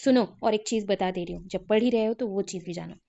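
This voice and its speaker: A woman's voice: medium pitch, quick pace, creaky, dark tone, muffled recording. A woman teacher lecturing a class in a classroom, who repeats key names and quizzes her students.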